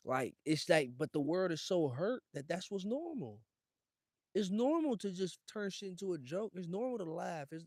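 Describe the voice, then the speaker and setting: A young man from the United States rants casually to his viewers, heavy on slang and constantly calling them fam and bro. His voice sits a little high for a man, and he talks emphatically with loud bursts. The sound is close and dry, with no room around it. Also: no room sound. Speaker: streamer talking to viewers. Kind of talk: casual livestream rant.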